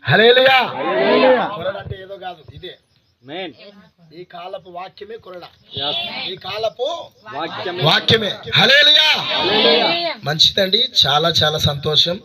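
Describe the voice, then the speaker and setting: A man's voice: sits high, a little slow, long pauses. A man with an Andhra Pradesh Telugu accent preaching a sermon, questioning and urging his congregation. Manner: shouts and pleads with congregation. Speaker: pastor. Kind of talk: sermon with call-and-response. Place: church hall with congregation. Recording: crowd noise behind.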